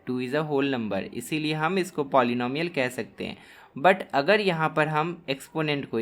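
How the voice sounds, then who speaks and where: Man, maths teacher, fairly high voice, slow deliberate explaining, spells out terms as he writes. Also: fairly bright tone. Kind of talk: classroom lesson explaining at a board.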